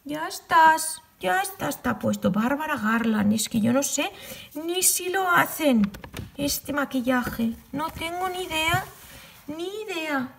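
Woman, high voice, crochet tutorial host, affectionate, emotional, soft whispers at times. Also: expressive, a little slow, creaky, slight background noise. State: tearfully emotional. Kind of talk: casual crochet tutorial chat.

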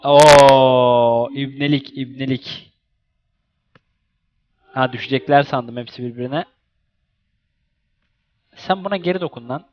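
A young man giving casual let's-play commentary, excitable, exclaiming and grumbling at the game. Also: mid-range voice, a little slow, long pauses, no echo, lo-fi sound. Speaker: gaming YouTuber.

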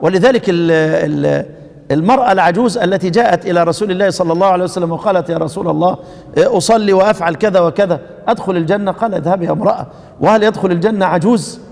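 A man with an Egyptian accent teaches in a quizzing way, tossing questions back at his class and repeating them. His voice sits high for a man. The sound carries a long reverb, like a large hall. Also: very fast, creaky, a little mellow. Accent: Egyptian Arabic. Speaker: Quran recitation teacher. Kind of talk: classroom lesson on recitation poetry.

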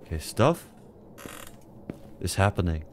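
Low-voiced man muttering through a game. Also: very animated, slow, a little hiss or hum. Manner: mutters to himself, jumpy nervous asides. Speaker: let's play gamer. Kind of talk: casual gaming commentary.

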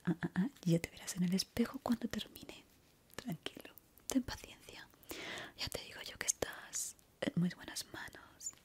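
Close to the mic, a young adult woman from Spain whispers an ASMR barber roleplay, breathy and reassuring. Her pitch sits fairly low, her Spanish accent is clear, and she takes her time in a soothing way.

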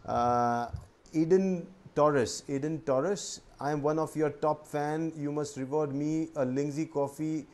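A man's voice: a little high, fairly even intonation, slow pace, a little mellow. A man hosting a video-call interview, reading out viewer questions with joking asides. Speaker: host. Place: indoor room with bookshelves.

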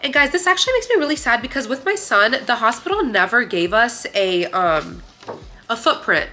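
Young woman vlogger, bubbly haul chatter, crisp bright voice, faint hiss. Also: a little high, expressive, normal speed. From Romania. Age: young adult. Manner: gushing, chatty, says "like" a lot. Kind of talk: casual haul video. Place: bright living room indoors.

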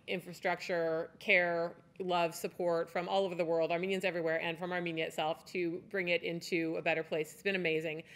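A woman in her forties giving a conference talk at a podium on a stage, chatty and loose, with restarts and fillers. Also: on the low side. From United States. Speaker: conference speaker. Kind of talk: conference presentation. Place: stage in a large hall. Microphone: podium mic.

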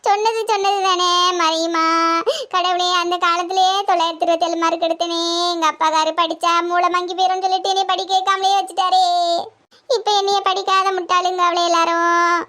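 A woman voicing a melodramatic middle-aged village housewife in a cartoon comedy, theatrical and sharp-tongued. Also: level tone, fairly quick. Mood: wailing. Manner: shrill, theatrical wailing and complaining.

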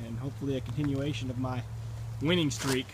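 A man walks through his backyard beekeeping work, explaining in a relaxed, chatty way with plenty of fillers. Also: mid-range voice, quick pace. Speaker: beekeeper vlogger. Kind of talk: casual walk-through narration. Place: backyard under a canopy in the rain, outdoors. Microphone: handheld camera mic. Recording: rain noise on camera mic. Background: steady rain on the canopy.

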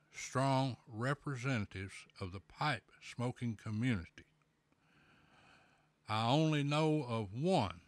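A man with a pipe clenched in his mouth, speaking at an unhurried, drawn-out pace in a folksy, plainspoken manner. His voice sits at an ordinary middle pitch. It is recorded close and dry, with no room sound. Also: fairly bright tone, no echo. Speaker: podcast host. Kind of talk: casual solo talk.

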